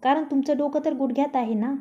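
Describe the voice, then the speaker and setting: A woman voicing a young wife who answers calmly, with quiet dry wit, in a storybook reading. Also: high-pitched, fast talker, highs cut off, lightly acted. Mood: calm teasing. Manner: calm, dryly teasing.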